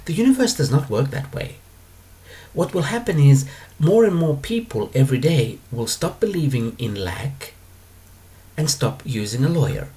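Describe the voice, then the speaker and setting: Answering questions as a spiritual teacher, a man lectures alone in a mid-range voice. He lays out his ideas calmly and without hurry, leaving long pauses.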